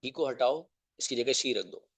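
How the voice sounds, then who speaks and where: A man teaching English grammar to a class, drilling example sentences slowly and checking understanding with quick questions. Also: mid-range voice, animated, husky, dry recording.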